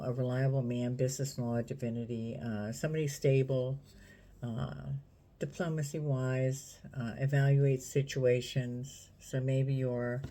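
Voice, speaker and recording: Mellow-voiced woman giving a tarot reading. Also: rumbling low. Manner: unhurried, musing, talks straight to the viewer. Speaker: tarot reader. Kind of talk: casual tarot reading to camera.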